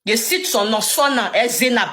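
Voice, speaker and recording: A woman's voice: fairly high pitch, fairly quick. A young woman with an Ivorian French accent, telling her story live to viewers and acting out what others said with emphasis. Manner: animated, emphatic, acts out dialogue. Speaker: livestreamer.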